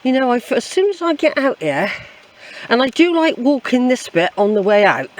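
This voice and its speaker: A woman's voice: on the high side, big pitch swings, moderate pace, rough recording. An older woman with an English accent, chatting reflectively and repeating phrases as she vlogs outdoors on a woodland walk. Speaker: hiking vlogger. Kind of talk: casual rambling walk commentary.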